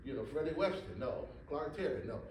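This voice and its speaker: A man's voice: a little high, lively intonation, a little fast, darkish tone, a little hiss or hum, natural voice. A man retelling the words of an older jazz bandleader who talks bluntly and teases, recorded from far off in an echoey hall. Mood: amused.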